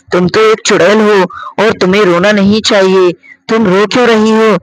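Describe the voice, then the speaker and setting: A man's voice: sits high, no room sound, voice pushed up, lightly acted, low-quality recording. A man voicing a frightened young woman in a cartoon horror story, anxious and full of exclamations.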